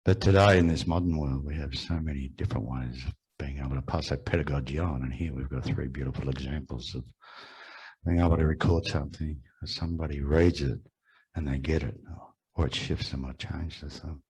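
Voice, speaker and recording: Deep raspy aussie elder man doing a welcome speech, slow and reflective. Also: fairly even intonation, darkish tone, poor audio. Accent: Australian. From Australia. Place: large room with an audience.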